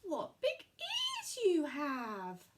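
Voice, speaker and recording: A woman playing an innocent, sweet little girl in a puppet fairy tale, wide-eyed and sing-song with drawn-out words. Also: high voice, huge pitch swings, background noise, full character voice. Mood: wary wonder. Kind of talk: puppet-show storytelling.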